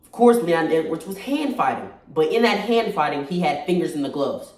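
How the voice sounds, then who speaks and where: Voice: mid-range voice, very animated, moderate pace, darkish tone. Echoey, emphatic fight commentator, slightly distant. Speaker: combat sports commentator. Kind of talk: casual fight-analysis commentary. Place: echoey space. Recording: very echoey room, distant mic.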